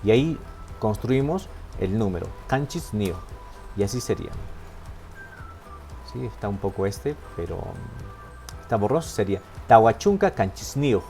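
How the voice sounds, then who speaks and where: A man's voice: fairly low pitch, lively intonation, unhurried, creaky, pauses often, a little mellow, faint music behind. A man teaching a language class online, patient and step by step, often checking in with his students. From Peru. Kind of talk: online lesson, explaining step by step.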